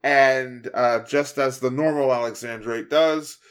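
A man in casual podcast chat, calmly walking through a cartoon's plot. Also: medium pitch, a little slow, clean tone. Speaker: podcast co-host.

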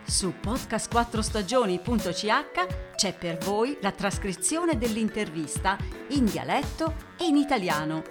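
A woman's voice: medium pitch, very animated, a little slow, hardly any pauses, music in the background. A woman presenting an interview podcast as its host, addressing listeners and putting questions to a guest.

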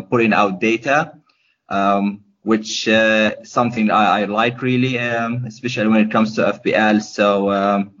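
On dull lo-fi podcast audio, a Palestinian guest from Gaza, a young man, answers questions in a casual interview. His fairly bright voice sits on the low side, and he hesitates often, filling with ums and starting over.

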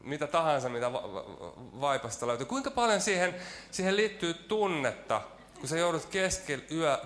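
A man delivers a sermon in a church, weaving a personal anecdote with self-mocking asides. He talks loosely and hesitantly, full of fillers and restarts. His voice sits at an ordinary middle pitch. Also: fairly bright tone. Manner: storytelling with self-deprecating jokes and frequent fillers. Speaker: preacher.

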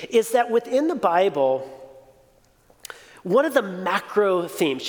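High-voiced man preaching in a hall. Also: darkish tone. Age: 40s. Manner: conversational, reflective preaching. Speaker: pastor. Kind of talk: sermon. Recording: reverberant hall.

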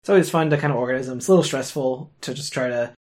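A man's voice: medium pitch, rapid-fire, a little mellow. A man co-hosting a podcast in casual chat, hesitant, with many fillers and chuckles. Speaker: podcast co-host.

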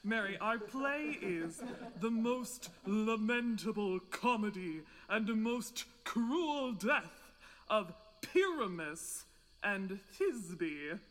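An actor as Quince, a measured director of a village play. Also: medium pitch, expressive, a bit bright, in a large hall. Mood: directing. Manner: calls out names in a measured, slow way. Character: fussy male carpenter directing a village play.

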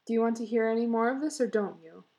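A woman voicing a fussy, anxious young wife and mother, speaking higher and louder with urgency. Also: quick pace, creaky.

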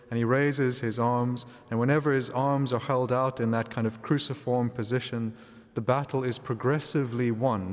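A male priest speaks at a middle pitch in a measured, deliberate way, reading scripture and preaching. His voice rings out with a cathedral echo, the long reverb of a large stone church trailing after each phrase. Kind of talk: liturgy, gospel reading and homily.

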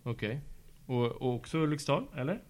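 A man at a school interviews pupils, patient and encouraging, with a voice of ordinary middle pitch. He asks slow, gentle follow-up questions in a casual tone. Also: lively intonation. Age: adult. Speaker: school after-school staff interviewer. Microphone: handheld mic passed to pupils.

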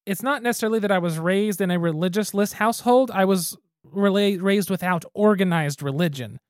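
A podcast co-host with a high-sitting voice talks a little fast as he reviews a beer, casual and easygoing, thinking aloud and restarting sentences. The recording is dry and of studio quality.

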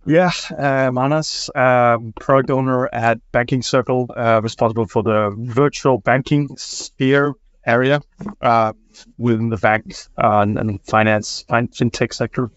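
A man with a smooth, clear voice chats as a podcast guest. He rambles easily and trails off with fillers. The recording is dry and a little dull. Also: mid-range voice, steady tone, a little slow, dry recording. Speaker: guest, product owner. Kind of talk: casual panel chat. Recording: slightly muffled podcast recording.

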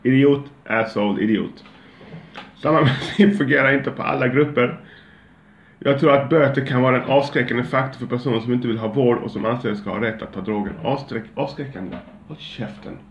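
A man hosting his own show, ranting casually in a heated, profane, restless way. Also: medium pitch. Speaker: host. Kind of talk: casual opinion rant. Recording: roomy, dull, faint background hum.

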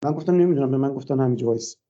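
An older man, a guest in a radio interview, gives a long, hesitant personal account, often pausing on "uh" fillers. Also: a little high, dark tone, highs cut off.

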